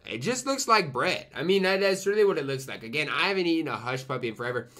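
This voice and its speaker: Eating as he talks, a young adult man gives an offhand food review to camera in a fairly bright, expressive voice that sits on the high side and moves fast. He stresses his points, says things twice for effect, and lets out pleased little "mm"s. The setting is a small room in his home.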